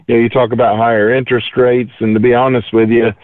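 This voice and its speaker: A man's voice: medium pitch, little pitch movement, fast talker, no echo. Folksy man talking over a tinny phone line. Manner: folksy, rambling with many fillers. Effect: heard over the phone. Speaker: market analyst guest. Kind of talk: casual market commentary.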